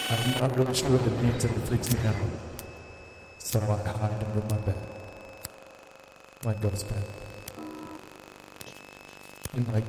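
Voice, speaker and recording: A man playing a timid, easily scared male ghost who talks in a hesitant, rambling, deadpan way, recorded in a roomy hall with loud noise. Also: mid-range voice, close to an everyday voice.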